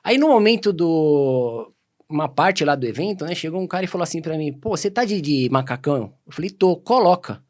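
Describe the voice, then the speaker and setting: A Brazilian man telling stories as a podcast guest, casual and animated, acting out quoted dialogue. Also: on the high side. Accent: Brazilian Portuguese. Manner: animated, quick anecdotes full of quoted dialogue. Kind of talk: casual storytelling.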